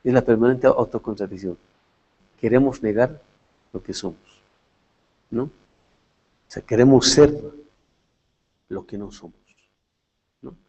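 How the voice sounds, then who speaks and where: A man's voice: mid-range voice, a little slow, pauses often, dark tone. Man lecturing in a dull lo-fi recording. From Latin America. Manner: reflective, frequent tag questions and restarts. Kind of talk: philosophy lecture.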